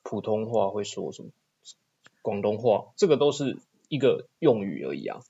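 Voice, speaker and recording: A man's voice: on the low side, very animated, normal speed, gravelly, dark tone, slightly rough, dull audio. A man with a Taiwanese accent chatting casually as a podcast co-host. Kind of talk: casual chat.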